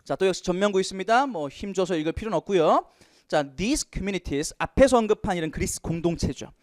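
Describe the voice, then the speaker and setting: A male English teacher giving an exam prep lecture, lively, asking questions and answering them himself. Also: sits high, brisk, dry recording, studio quality.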